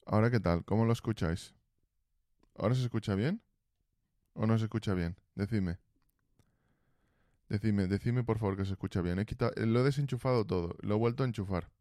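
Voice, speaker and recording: Low-voiced man streaming a dry room. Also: fairly quick, long pauses, dark tone, no echo. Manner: fumbling with audio gear, asking chat for feedback. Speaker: Twitch streamer. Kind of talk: casual live-stream chat. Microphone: desk mic, then built-in computer mic.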